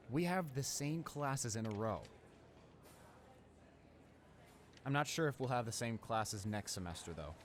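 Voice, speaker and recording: With a natural voice, a man portrays an awkward, chatty, friendly high school student in an informal audio roleplay, hesitating and rambling as he talks. A slight hiss or hum is audible.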